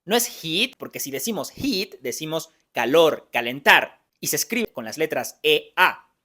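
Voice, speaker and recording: A man's voice: on the high side, big pitch swings, unhurried, sharp tone. A man teaching English pronunciation in a phonetics lesson, patiently explaining each sound step by step.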